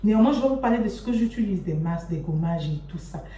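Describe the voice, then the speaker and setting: A woman's voice: lowish voice, animated, fast talker, mellow. A young adult woman chatting casually and familiarly to her viewers as a vlogger, addressing them affectionately. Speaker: vlogger introducing her channel. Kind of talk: casual chat to camera. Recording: roomy echo, distant mic, faint noise.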